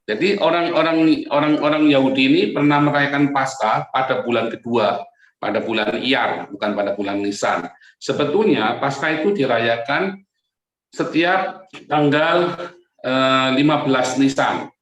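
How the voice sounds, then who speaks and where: A man's voice: medium pitch, a little slow, lo-fi sound. A male pastor giving a chatty sermon, his voice echoing strongly as in a large hall, often turning to his listeners with a tag question. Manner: chatty, keeps addressing listeners as brothers and sisters with a tag "right?". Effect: strong echo like a big church hall. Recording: echoey room sound.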